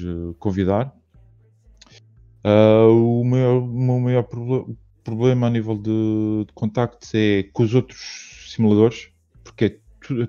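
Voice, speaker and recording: Hesitant Portuguese man, dark flat voice. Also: low-pitched, muffled recording. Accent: European Portuguese. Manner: hesitant, many fillers and restarts. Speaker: podcast guest. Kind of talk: casual chat. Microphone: video call.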